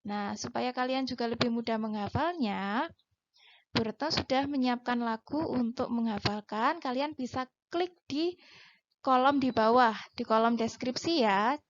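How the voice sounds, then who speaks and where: A woman teacher giving a patient, clearly spoken lesson to young schoolchildren, stretching her words and lifting her questions. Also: a little high, dull audio. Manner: patient, drawn-out delivery with rising question intonation. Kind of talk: slow, clear classroom lesson for children.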